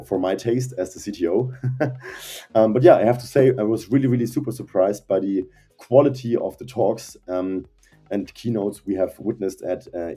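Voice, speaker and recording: A man's voice: on the low side, warm tone, slightly rough. A man presenting a community update as CTO, talking enthusiastically about a conference. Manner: enthusiastic, keeps saying super.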